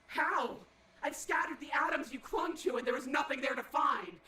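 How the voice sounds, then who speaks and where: An actress playing a powerful, otherworldly princess in a video game, with theatrical delivery. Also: female voice, high voice, normal speed, sharp tone. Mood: menacing fury. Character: wrathful godlike princess turned gentle and remorseful. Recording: reverberant voice over ambient noise.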